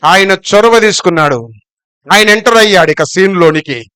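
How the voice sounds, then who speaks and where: High bright-voiced preacher man. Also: lively intonation, moderate pace, clear, resonant tone, no room sound. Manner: blunt, scolding, shifts between loud calls and low asides. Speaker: pastor. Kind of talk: sermon.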